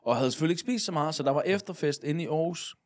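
A man from Funen telling a long story as a podcast guest, rambling along with lots of fillers and casual swearing. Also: fairly high pitch. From Funen, Denmark.

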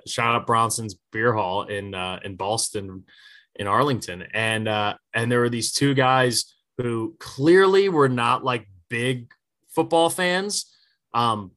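A man chats about college football on a podcast, in a loose, storytelling way. His voice is bright and forward. He swears freely and acts out the lines of people in his stories. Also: mid-range voice. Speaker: podcast co-host. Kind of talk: casual sports podcast chat.

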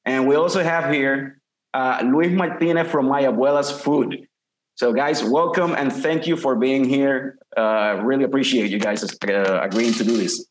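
A Puerto Rican man hosts a casual podcast in a playful, joking way. His voice sits in a middle range and rings around an echoey room, with a faint hiss underneath. He flips between two languages mid-sentence. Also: medium pitch. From Puerto Rico. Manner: playful, switches fast between Spanish and English. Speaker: podcast host.

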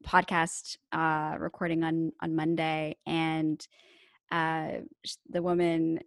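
A woman's voice: sits low, completely flat delivery, slow, no room sound, clean studio sound. A woman hosting a podcast, asking casual questions and gushing over her guest's answers. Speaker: podcast host. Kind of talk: casual interview chat.

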